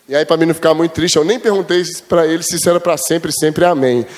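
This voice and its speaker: High-voiced pastor telling stories. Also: male voice, fast. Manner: storytelling, chatty, addresses the congregation as brothers; acts out quoted dialogue with God, rising high and loud. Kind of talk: sermon.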